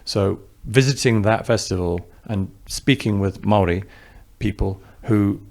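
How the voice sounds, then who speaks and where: Answering an interviewer, a New Zealand film director with an English accent reflects as he goes, often breaking off and starting sentences over. He speaks a little slowly in a low, creaky, slightly mellow voice.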